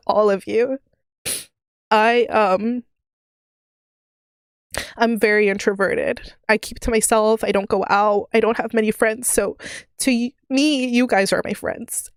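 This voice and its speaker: Rambling woman streamer, smooth dry voice. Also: fairly high pitch, no echo. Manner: rambling, many fillers and restarts. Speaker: livestreamer. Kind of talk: casual live-stream chat.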